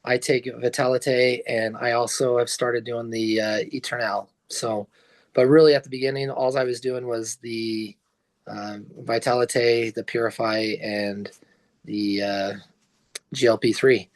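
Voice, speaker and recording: A man's voice: medium pitch, flat delivery, unhurried. A man chatting as a guest on a video call, easygoing and rambling. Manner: easygoing, rambling with fillers and restarts. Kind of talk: casual chat on a video call.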